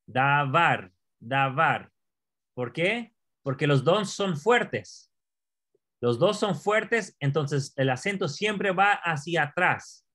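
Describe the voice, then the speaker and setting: Brief: male tutor, slow and patient, raised pitch, repeats each word for a learner. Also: expressive, fairly bright tone. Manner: slow, repeats words, asks the learner questions. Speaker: Hebrew teacher. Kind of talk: patient classroom explanation.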